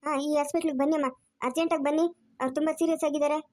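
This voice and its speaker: A woman's voice: high voice, steady tone, rapid-fire, darkish tone, lightly acted. A woman voicing a curt male police officer who speaks bluntly and matter-of-factly.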